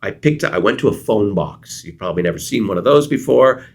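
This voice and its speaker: A middle-aged man with a very low voice, speaking as an interview guest. He tells stories from his working life and animates them by acting out what people said. Originally from Canada, he talks in a conversational, engaged way. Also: a little fast. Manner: animated storyteller, acts out quoted dialogue. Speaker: guest consultant. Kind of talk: storytelling interview answers.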